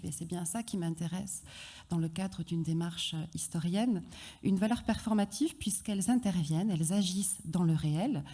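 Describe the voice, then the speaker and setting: Mellow-voiced woman giving an academic talk. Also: lowish voice. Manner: formal, read-out analytic delivery. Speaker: film historian presenting at a symposium.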